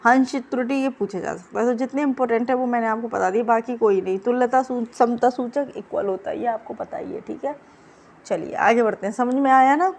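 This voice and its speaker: Slightly high-pitched woman teacher. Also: darkish tone. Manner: quizzing and repeating answers; brisk, coaching tone. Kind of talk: exam prep class.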